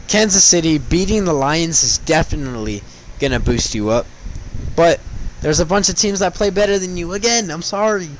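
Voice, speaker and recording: A man's voice: on the high side, animated, measured pace, long pauses, a little hiss or hum, poor audio. A young man giving casual sports commentary, chatty and slangy, talking straight to the teams. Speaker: sports vlogger.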